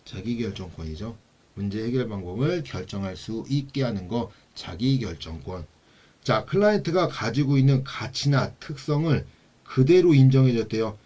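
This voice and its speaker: A male instructor teaching an exam-prep class in a classroom. He asks rhetorical questions, repeats key terms, and drops to a quiet low voice when he stresses them. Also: animated, normal speed. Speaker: social work exam instructor.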